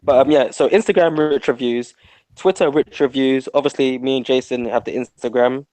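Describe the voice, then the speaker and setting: A man co-hosting a casual podcast, excitable and jokey. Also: medium pitch, moderate pace, no room sound, low-quality recording. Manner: excitable, jokey, talks with a laugh. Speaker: podcast co-host. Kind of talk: casual chat.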